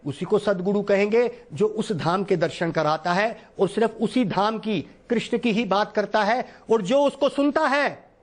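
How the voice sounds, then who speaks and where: A high-voiced man, a spiritual teacher, gives a devotional discourse on Sanskrit verse at a slightly slow pace. He recites each verse and then explains it line by line, sounding earnest and pleading.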